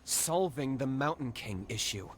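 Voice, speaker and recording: An actor playing an earnest, resolute young hero in a video game, speaking sincerely and with urgency. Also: male voice, medium pitch, lively intonation, a little slow, a little hiss or hum, close to an everyday voice. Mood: earnest resolve.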